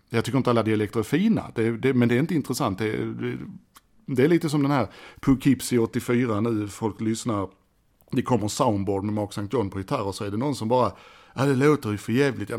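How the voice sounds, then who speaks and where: A middle-aged man talks alone into a desk microphone for his podcast. His voice has a gravelly edge and a middling pitch. He rambles cheerfully, jokes at his own expense and keeps restarting his sentences. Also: darkish tone. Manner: rambling, self-deprecating, chatty with many restarts. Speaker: podcast host. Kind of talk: casual solo podcast monologue. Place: indoors at a desk. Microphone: desk microphone by a computer.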